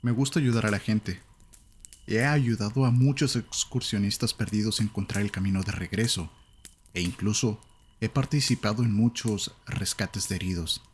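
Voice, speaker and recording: Low-voiced man narrating a horror story. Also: a little hiss or hum. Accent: Latin American Spanish. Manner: calm, measured storytelling.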